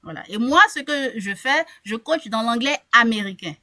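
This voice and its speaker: A woman coaching a group on a video call, lively and encouraging, often repeating words as she thinks. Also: fairly high pitch, moderate pace. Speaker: English coach. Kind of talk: online group coaching session.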